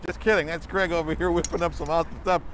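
A TV news reporter, a man with a fairly high voice, talks through a face mask in a joking, upbeat manner during a live morning segment. He is outdoors at a barbecue spot, with faint street traffic humming behind him. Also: fairly even intonation, fast talker, fairly bright tone. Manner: jokey, upbeat banter.

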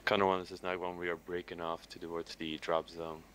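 A man's voice: low voice, little pitch movement, a little fast, a bit bright. A man speaking casually as a pilot in a military sim game, with occasional radio calls. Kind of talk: casual gaming chat with some radio calls. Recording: voice chat with faint background noise.

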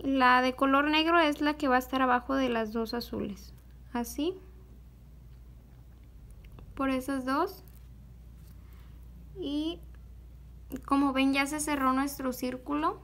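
Young woman, high voice, slow easy craft tutorial, lots of little filler pauses. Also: a bit bright. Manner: slow, patient, with many fillers like "este". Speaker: beadwork tutorial host.

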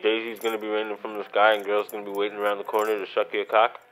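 A man in a short film, loudly mocking and scolding another. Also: lowish voice, slow pace, low-quality recording.

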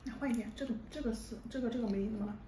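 Woman chewing as she talks, higher voice. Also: racing, dark tone, roomy sound, distant mic. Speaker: vlogger and mother chatting with her child. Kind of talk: casual dinner-table chat. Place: home dining room, indoors. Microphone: camera across the table. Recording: faint background noise.

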